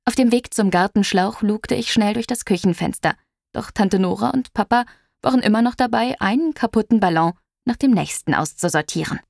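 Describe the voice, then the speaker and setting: A woman narrating an audiobook story in a lively storytelling manner. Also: mid-range voice, a little fast, creaky, dry recording, clean studio sound. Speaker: audiobook reader.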